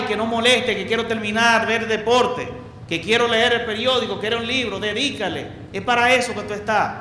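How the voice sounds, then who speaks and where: Man, high bright voice, emphatic lay preacher who repeats for stress, echoey hall with faint noise. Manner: asks the audience questions. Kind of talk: preaching talk to a congregation.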